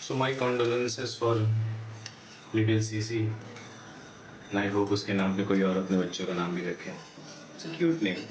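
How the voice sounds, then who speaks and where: A vlogger chats casually while cooking in his home kitchen, mixing Hindi with English phrases and humming or singing snatches of song. His voice is on the low side, flat and slow with long pauses, and the recording is reverberant with a noisy background.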